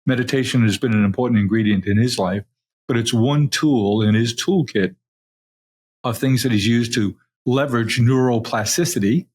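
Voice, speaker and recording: A man hosting a conversational interview, explaining and telling stories in a measured, deliberate way. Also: mid-range voice, a little mellow, slightly rough. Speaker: podcast interviewer. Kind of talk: conversational long-form interview.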